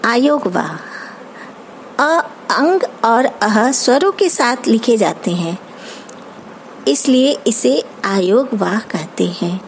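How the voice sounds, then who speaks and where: A woman teacher with an Indian accent giving an online grammar lesson, explaining terms slowly and carefully, as if dictating. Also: fairly high pitch, lively intonation, slight background noise, poor audio. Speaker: school teacher.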